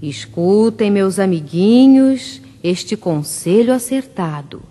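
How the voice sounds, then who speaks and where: A woman reading a rhymed children's story for radio in a slow, sing-song way. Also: medium pitch, expressive, dark tone, long reverb tail.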